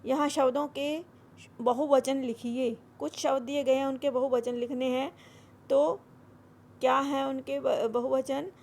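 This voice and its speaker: A woman's voice: high voice, fairly even intonation, a little mellow. A woman teaching a Hindi grammar worksheet, repeating each word and drilling its correct form, with English words mixed in. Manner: repeats words slowly, then drills them. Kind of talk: explaining a school grammar worksheet.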